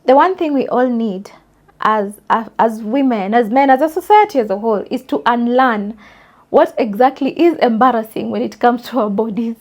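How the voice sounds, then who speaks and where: A woman's voice: fairly high pitch, animated, moderate pace, a little mellow. A young adult woman hosting a podcast, speaking emphatically and directly to her listeners in a forthright solo monologue. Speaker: podcast host.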